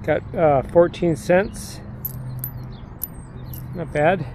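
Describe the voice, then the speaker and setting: Speaking very slowly, a middle-aged man with a slightly high, somewhat mellow voice narrates his outdoor metal detecting in parks, filling his thoughts with fillers. An action camera, held or mounted on his chest, records him, with a little hiss or hum.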